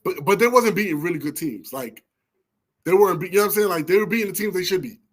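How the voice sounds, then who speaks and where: A man's voice: sits high, animated, fast. Loose slang-talking man on a sports podcast. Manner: loose slang-heavy banter, lots of fillers. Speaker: podcast co-host. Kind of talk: casual sports talk.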